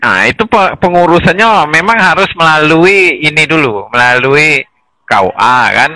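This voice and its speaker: A man in a casual conversation explaining village administration, animated and often chuckling between points. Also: fairly high pitch, normal speed, slight background noise, poor audio.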